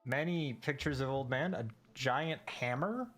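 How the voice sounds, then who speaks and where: A man's voice: mid-range voice, unhurried, fairly bright tone, faint music behind. A man chatting casually over a game, rambling and laughing often. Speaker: co-host. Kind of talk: casual let's-play chat.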